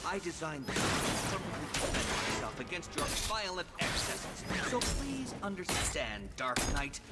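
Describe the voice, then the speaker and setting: Wildly swooping, pompous villain. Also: male voice, on the high side, big pitch swings, moderate pace, over loud music. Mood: haughty, ranting. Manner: pompous, ranting, theatrical. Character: Riddler, pompous petulant male genius villain. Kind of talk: video game voice acting. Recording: loud game mechanical noise.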